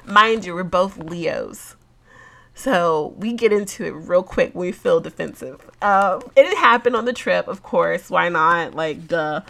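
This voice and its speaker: A young woman in her late twenties talks to her viewers in a loose, unhurried way. She sounds a little congested, giggles often and leans on fillers. Her pitch sits in the middle range. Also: bright, forceful tone. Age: 20s. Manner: chatty and giggly, lots of fillers. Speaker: vlogger. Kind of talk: casual chat to camera.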